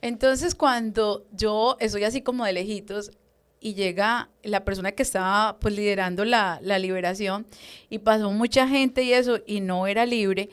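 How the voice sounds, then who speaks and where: A woman's voice: medium pitch, normal speed, clear, resonant tone. Woman telling a vivid church testimony. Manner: lively storytelling, acts out voices. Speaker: deliverance minister giving testimony. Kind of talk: personal testimony interview.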